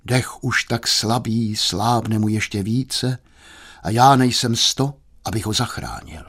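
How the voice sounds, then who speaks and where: A man's voice: on the low side, fairly bright tone, slightly rough. A man doing a despairing old-fashioned doctor. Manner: slow, despairing. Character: despairing male adventure-novel doctor.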